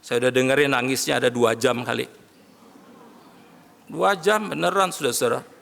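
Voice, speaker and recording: A man preaching a sermon as pastor, animated, often rising to shouts as he addresses the congregation. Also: medium pitch, moderate pace, creaky. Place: large worship hall. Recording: long hall reverb.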